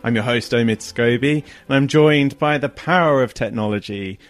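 A man's voice: medium pitch, moderate pace. A young adult man hosting a podcast, chatting casually and laughing often with a guest who joins remotely. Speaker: podcast host.

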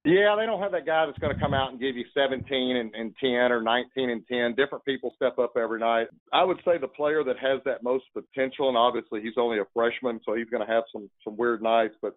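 A man's voice: mid-range voice, fast, few pauses, dry recording. A man chatting casually about college sports as a guest, rambling with many restarts. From Texas. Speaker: guest fan commentator. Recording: tinny phone line.

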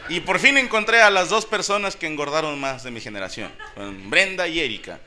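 A man's voice: on the high side, expressive, brisk, sharp tone. A man in his thirties with a Mexican accent performing a crude, slangy stand-up comedy monologue, acting out voices as he tells stories. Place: comedy venue with an audience. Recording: noisy live stage recording. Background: audience laughter.

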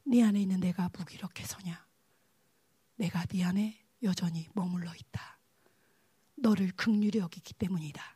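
A woman voicing God as a calm, grave, commanding presence, speaking slowly and in a low hush. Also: husky, no echo, clean studio sound. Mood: whispered. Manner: slow, low, hushed delivery.

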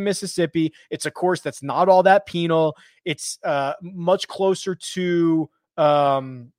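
A man's voice: fairly high pitch, dry recording, clean studio sound. A man hosting a live stream, chatting casually with loose fillers and restarts as he answers viewer questions.

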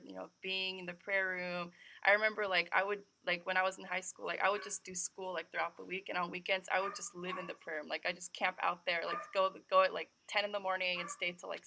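A young adult woman from California shares her personal testimony as a guest missionary on a podcast. Her voice is fairly low and gravelly, and she talks chattily, scattering "like" throughout. Background noise is present.

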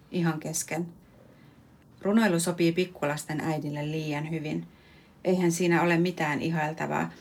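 Woman, 30s, podcast host; low, even delivery for a measured, reflective poetry reading. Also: a little hiss or hum. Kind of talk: reading her own prose poem.

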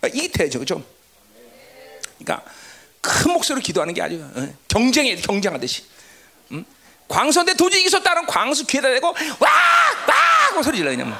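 Gravelly, wildly swinging preacher. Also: mid-range voice, huge pitch swings, quick pace, pauses often. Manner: keeps prodding listeners with "응?" and "그렇죠?"; swings between shouting and hushed asides. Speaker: pastor. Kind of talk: sermon.

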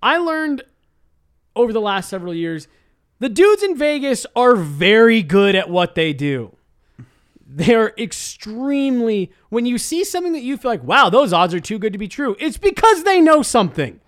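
A man with a high voice and a very dry sound. He chats casually as a sports show co-host, making his case emphatically and often restarting mid-thought. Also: very animated, moderate pace, clear, resonant tone, dry recording.

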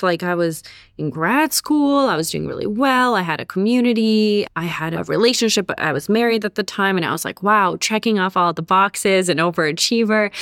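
A woman born in Bosnia, raised in Serbia and Canada, and later moved to Canada speaks as an interview guest; she's an author and therapist. Her medium-pitched voice is studio quality with no room sound. She's articulate, reflective and conversational, often illustrating points with everyday examples.

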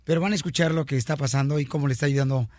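A male radio host, hosting a lively interview in a chummy, teasing way and calling his listeners champions. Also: fairly high pitch, rapid-fire, no echo, clean studio sound.

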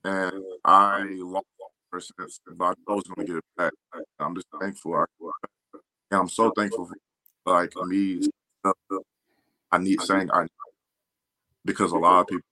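Deep-voiced male guest, halting and dry, call audio cutting in and out. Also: little pitch movement, sharp tone, no echo, rough recording. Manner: halting, restarts often. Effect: choppy connection, audio breaking up. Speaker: interview guest, college football player. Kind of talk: remote interview over a call. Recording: dropouts on a video call line.

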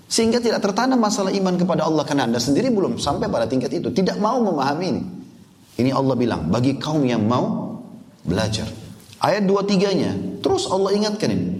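A male preacher giving a sermon, earnest, with many rhetorical questions to his listeners. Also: fairly high pitch. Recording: echoey hall reverb.

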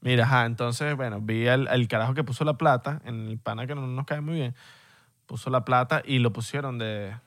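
A young man with a Venezuelan accent, his voice mid-pitched and heard dry and close with no room sound. He co-hosts a podcast in loose, rambling chat, circling back and restarting his sentences. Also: moderate pace, no echo. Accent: Venezuelan Spanish. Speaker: podcast co-host. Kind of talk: casual chat.

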